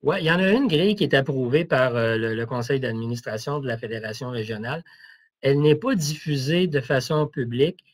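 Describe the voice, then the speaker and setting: A man's voice: medium pitch, fairly quick. A man presenting services and answering questions in a webinar, hesitant, with many restarts and fillers, speaking over a video call.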